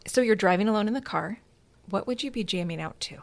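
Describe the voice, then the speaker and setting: A woman's voice: mid-range voice, expressive, fast talker, vocal fry. A woman hosting a podcast, asking a guest casual questions with upbeat, enthusiastic reactions. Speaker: podcast host. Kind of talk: casual interview chat.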